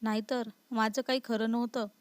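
A woman voicing an indignant young wife who is easily scared and quick to sulk. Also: fairly high pitch, level tone, smooth, no echo, natural voice. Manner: indignant, sulky.

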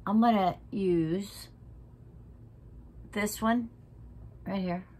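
A woman in her 60s, a makeup vlogger, chats frankly and feistily while doing her makeup in her living room, sitting close in front of the camera and now and then dropping to a half-whisper. Her medium-pitched voice has a darkish tone and she draws out her words in this casual tutorial.

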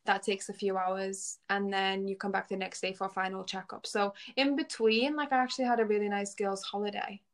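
Chatty young woman, flat steady pitch. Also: brisk, hardly any pauses. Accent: Lithuanian with a semi-Scouse twang. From Lithuania. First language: Lithuanian. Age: 20s. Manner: chatty, laughs often, peppered with "like". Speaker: guest. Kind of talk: casual chat.

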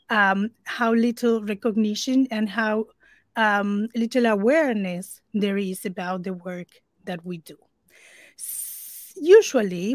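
A woman's voice: a little high, no room sound. A woman from Argentina whose first language is Spanish, speaking English as an interpreter giving an earnest conference talk over a video call, with fillers and restarts.

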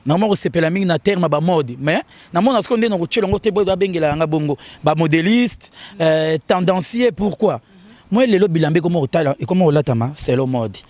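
A man giving an animated, casual interview, his voice jumping higher when he gets excited. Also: brisk. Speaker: interview guest. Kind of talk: casual interview talk in Lingala and French.

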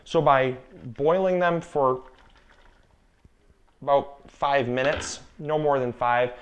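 A man's mid-range voice moves at a slow pace as he walks through a canning demonstration in his home kitchen, picked up by a lapel mic. He's a gardening channel host in his twenties, keeping this casual cooking demo chatty and instructive. Key warnings come up repeatedly.

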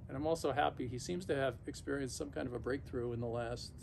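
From an ice bath on his backyard patio, a middle-aged vlogger with a mid-range voice gives a casual, unscripted monologue to camera, halting and reflective with pauses in the middle of sentences. The low-quality recording comes from a camera or phone a few feet away and picks up clear outdoor ambient noise.

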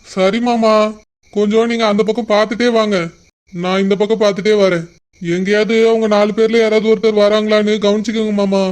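A man voicing a young son-in-law in a cartoon, calmly reassuring his father-in-law. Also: high-pitched, fairly quick, smooth, lightly acted. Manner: calm, explaining.

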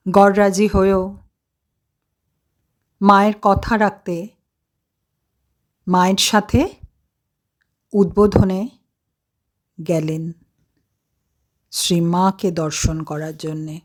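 A woman storyteller narrating a devotional story in an earnest, emphatic way. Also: medium pitch.

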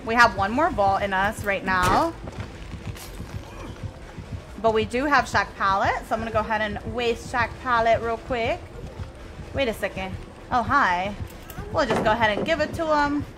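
During a live gameplay stream, a Mexican woman who grew up speaking Spanish chats and answers her viewers' messages while playing. Her slightly high voice goes at a moderate pace with long pauses, and background noise is audible.

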